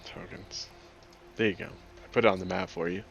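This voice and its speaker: A man running a tabletop game, chatty and rambling, with a gravelly, bright voice. He speaks into a home computer mic, and the sound is slightly muffled, with a faint hiss behind it. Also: sits low, flat delivery, moderate pace. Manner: rambling, chatty, laughs often. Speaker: game master.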